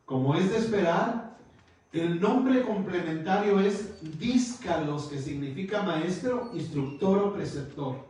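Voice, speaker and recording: A man's voice: sits high, lively intonation, takes it slowly, a little mellow. A man preaching a sermon as pastor, teaching and calling his listeners brother. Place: church hall. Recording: echoey hall, far from the mic.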